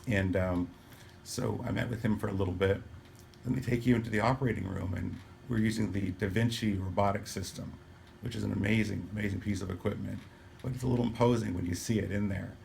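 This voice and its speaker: A man talking casually to camera in a halting, explanatory way, sounding weak and dry-mouthed as he recovers from surgery. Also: fairly low pitch, steady tone, creaky, darkish tone. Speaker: patient recording a personal video diary. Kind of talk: casual spoken vlog, explanatory. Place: hospital room. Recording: noticeable background room noise.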